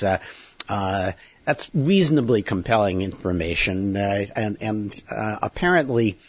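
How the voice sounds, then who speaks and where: A man hosting a podcast, talking in a halting way with many fillers. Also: low-pitched, breathy edge, no room sound, dull audio. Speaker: podcast host. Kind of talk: casual podcast chat.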